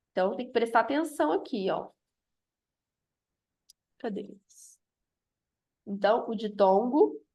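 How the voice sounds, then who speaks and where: A woman teaching a grammar review lesson, explaining step by step and often checking in with "ok?". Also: a little high.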